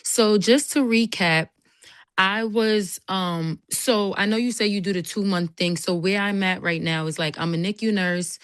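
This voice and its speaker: A woman's voice: mid-range voice, unhurried, clean tone, dry recording, clean studio sound. A woman, a nurse attending a webinar, speaking hesitantly with many fillers. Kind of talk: casual question on a video call.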